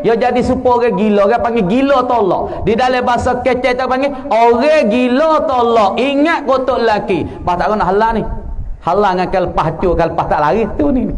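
A man's voice: sits high, darkish tone, low-quality recording. A man from southern Thailand with a Patani Malay accent, preaching a mosque sermon as a religious teacher, telling stories and acting out quoted voices in a teasing way.

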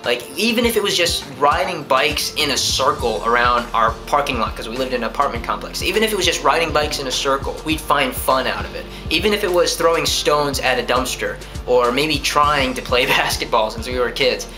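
A man's voice: mid-range voice, brisk, few pauses, music in the background. A young man from New Hampshire chatting casually at home, answering viewer questions and rambling as he talks with his hands. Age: young adult. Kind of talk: casual vlog chat. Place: living room at home, indoors.

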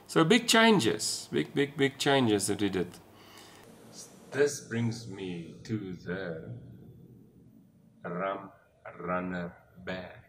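A man's voice: on the low side, big pitch swings, very slow, pauses often, a bit bright, a little hiss or hum. A man in his forties from South Africa with an Afrikaans accent, explaining things casually as a vlogger talking to camera indoors. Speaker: sailing vlogger. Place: small room at home, indoors.

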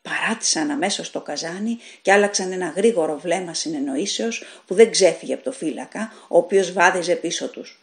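A woman reads a short story aloud in a fairly low voice, taking a steady, deliberate pace. Her delivery is measured and dramatic, in the manner of a practiced audiobook narrator.

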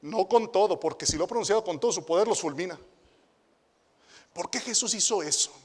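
A man with a Mexican accent preaching a sermon to young people. He asks rhetorical questions and swings between hushed asides and loud, emphatic declarations. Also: high voice, brisk, big-room sound. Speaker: pastor and youth director.

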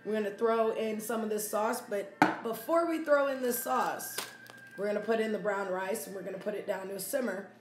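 A twenty-something woman is losing her voice as she hosts a laid-back cooking vlog from her small kitchen, her tone brisk and mid-range. She jokes in slang and adds goofy rhymes to the ends of words. Captured on a phone camera, first close and then a few steps off, the audio is echoey and distant with background noise.

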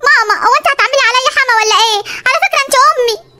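Cartoon young bride, put-upon, whining, Egyptian accent, bright squeaky sped-up voice, voiced by one performer. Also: racing, a little hiss or hum, full character voice. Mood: whiny. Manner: whining protests.

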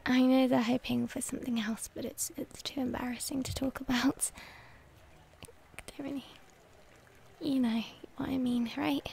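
A woman plays a shy, devoted young werewolf girlfriend in an intimate ASMR roleplay, her high-pitched, darkish, breathy voice often sinking toward a whisper. The delivery is flat yet tender, hesitant and halting, with an embarrassed, earnest mood.

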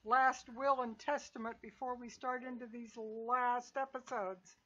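An older woman runs a streamed tabletop game. Her voice sits fairly high, and she tells the story in a folksy way. The sound is a little muffled and lo-fi, as on an online call. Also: level tone, a little slow, fairly bright tone. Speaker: game master and host. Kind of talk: livestream host recapping a tabletop game.

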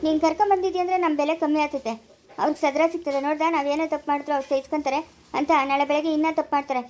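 A woman plays a calm older mother-in-law, giving advice in a soothing, pleading way in a family short drama. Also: high-pitched, very fast, close to an everyday voice.

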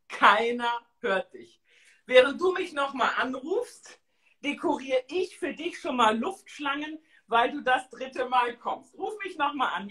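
A woman in her forties hosting a casual live stream, chatting in an expressive, exclamatory way. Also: sits high. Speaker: host of a live-stream talk show. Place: small tiled room indoors.

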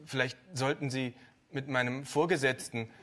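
A man's voice: medium pitch, fairly even intonation, normal speed, a bit bright, voice pushed up, natural voice. Man doing a stammering young bank clerk. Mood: flustered. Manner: hesitant, stammering.

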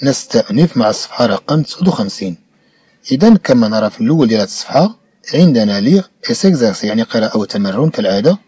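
A man with a Moroccan Arabic accent teaching a primary school French lesson, patiently repeating words slowly for young learners. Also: medium pitch, big pitch swings, dark tone, slightly rough, dry recording. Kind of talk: explanatory lesson narration.

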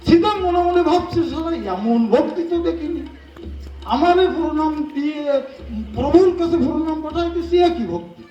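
A man's voice: extremely high pitch, moderate pace, reverberant, recorded from a distance, muffled recording, soft background music. A man with a Bengali accent telling a devotional folk story on stage, acting out each character's dialogue. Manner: animated, switches voices for quoted characters. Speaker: kobi gaan performer. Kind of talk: sung storytelling with acted dialogue.

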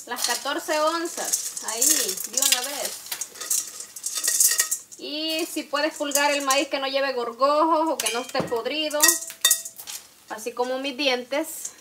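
High-voiced Salvadoran woman chatting while cooking. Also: slow, pauses often, very noisy. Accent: Salvadoran Spanish. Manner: homely, talkative, addresses viewers warmly as "usted". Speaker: cooking vlogger. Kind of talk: chatty live cooking stream. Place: home kitchen. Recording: clatter of pots and utensils.

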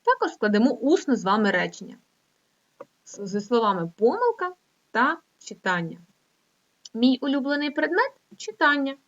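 A middle-aged woman teaching an online lesson to young children, reading slowly and in a sing-song way. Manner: slow, sing-song reading with rising pitch. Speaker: primary school teacher. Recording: dull lo-fi recording.

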